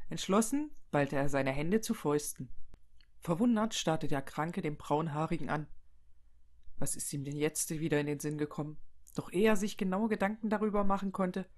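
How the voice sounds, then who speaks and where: A calm narrator reads a story aloud, steady and even, at a middle pitch. The narration sets the scenes and carries the voiced dialogue. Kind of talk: reading a fan story aloud.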